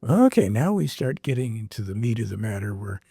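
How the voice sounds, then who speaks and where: A man with a lowish, warm voice, creaky and slightly rough, hosts a podcast, speaking a little fast with big pitch swings. He reads a prophetic text aloud, interrupting with commentary and rhetorical questions in casual discussion. The sound is clean studio quality with no echo.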